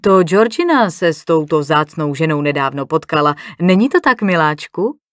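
Confident wealthy host, loud and theatrical, low voice, put on by a woman reader. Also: very animated, dry recording, clean studio sound. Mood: genial. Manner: booming, theatrical announcing. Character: showy, confident wealthy man hosting a dinner.

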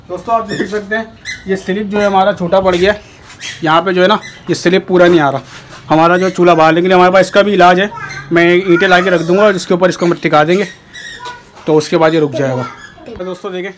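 A man narrating his chores on a rooftop to viewers in a chatty, friendly way while he works, filmed on a handheld phone. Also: sits high. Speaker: bird keeper vlogger. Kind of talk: casual vlog narration. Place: rooftop kitchen and bird pens, outdoors. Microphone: handheld phone camera. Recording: noisy rooftop phone recording.

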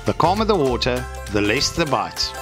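A man giving scripted narration for a fishing competition video, measured and explanatory. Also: medium pitch, very animated. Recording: voice-over with loud music behind.

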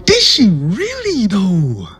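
A man's voice: high-pitched, huge pitch swings, slow, fairly bright tone, heavily acted. A man voicing a flustered, joking young male college bear in a cartoon, often stammering.

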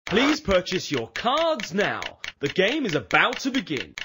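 A woman's voice: medium pitch, wildly swooping pitch, measured pace, noisy background. A woman working as a bingo caller, giving short, separated sing-song calls of numbers and their nicknames.

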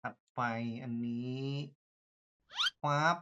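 A man's voice: very slow, highs cut off. A young man hosting a casual, chatty gaming commentary, exclaiming and slangy as he plays. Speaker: gaming channel host. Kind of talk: casual let's-play commentary. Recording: loud game music behind voice.

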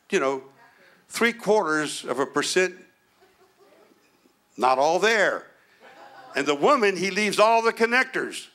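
Male pastor, humorous storytelling sermon, high bright voice, slow delivery.

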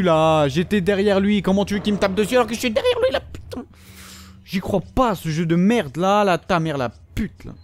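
A man's voice: high voice, a little hiss or hum. A young man with a French accent commentating his gameplay, swearing constantly and scolding the characters on screen. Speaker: gamer.

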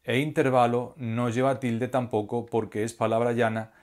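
Man slowly teaching Spanish grammar. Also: medium pitch, level tone. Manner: slow, deliberate, spells out syllables. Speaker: language teacher. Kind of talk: scripted grammar lesson.

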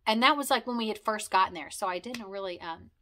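A woman's voice: mid-range voice, fast talker, pushed and bright. A woman vlogging in a chatty, rambling way, thanking old friends and recalling memories. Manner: chatty, rambling, with frequent fillers and laughs. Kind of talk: personal heartfelt vlog, talking to camera.

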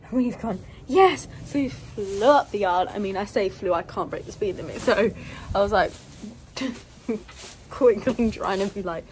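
A woman's voice: mid-range voice, unhurried, a little mellow, a little hiss or hum. Chatty young woman vlogging. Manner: chatty, upbeat, rambling. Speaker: equestrian vlogger. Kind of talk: casual vlog chat. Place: stable yard, outdoors and in a horse lorry. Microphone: phone held at arm's length.

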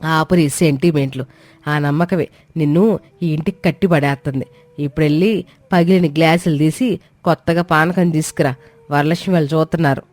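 A woman's voice: sits low, steady tone, brisk, darkish tone, dry recording, lightly acted. A woman voicing a scheming, domineering middle-aged mother-in-law who talks in a scornful, commanding way. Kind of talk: Telugu audio drama acting.

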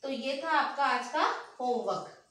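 A woman teaching small children in an online nursery class, speaking slowly and patiently and repeating words in a sing-song way. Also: high voice, lively intonation, fairly bright tone, very echoey, recorded from a distance.

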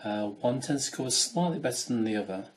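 A man giving a relaxed, chatty painting demonstration, talking through his brushwork. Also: medium pitch, a little fast. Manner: chatty, relaxed, with fillers and asides. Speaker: wildlife watercolour artist teaching.

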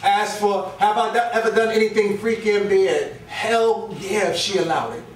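A middle-aged man with a New Jersey accent, his voice pitched a little high. He performs spoken word on a stand mic in a brick-walled bar lounge and trades loose, profane banter with the audience. He is picked up by a far camera in a roomy room, with crowd murmur behind him. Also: steady tone, normal speed, slight background noise. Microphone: stand mic, recorded by a far camera. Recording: roomy live bar sound from afar. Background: audience ambience and laughter.

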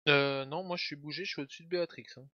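A man's voice: on the high side, steady tone, rapid-fire, bright, forceful tone. A man playing in a tabletop game over voice chat, talking hesitantly with fillers. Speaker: player. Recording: dull lo-fi voice-chat mic.

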